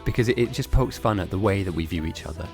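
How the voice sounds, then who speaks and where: Low-pitched and quick, with lively intonation and a darkish tone, the voice belongs to a man gaming on stream and chatting loosely as he reads viewer messages. Raised in Germany and Italy on German and Italian, he now speaks with an English accent, rambling and laughing often over faint background music.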